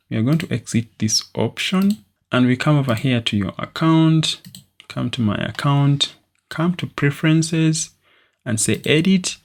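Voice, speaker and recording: Recorded at a desk in a small room, this software tutorial is led by a young man with a mid-range voice. He explains each step in a steady way, now and then dropping in a filler word.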